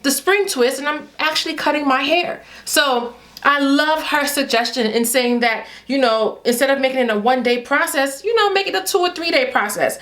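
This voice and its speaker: Woman, from Haiti, thirties, hair vlogger, casual chat, animated, fairly high voice. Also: normal speed. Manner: chatty, animated, talks straight to viewers.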